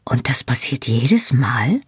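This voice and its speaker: Woman doing a tender young man in an audiobook, slow and breathy, hushed. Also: sits low, animated, no echo, clean studio sound, full character voice. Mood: hushed, earnest. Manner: soft hushed whispering delivery. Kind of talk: audiobook reading.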